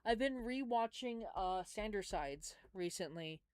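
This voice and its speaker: Young woman rambling thru chat on stream, smooth clear voice, dry close sound. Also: medium pitch, animated, measured pace, no room sound. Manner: rambling, chatty, with many fillers and restarts. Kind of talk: casual live stream chat.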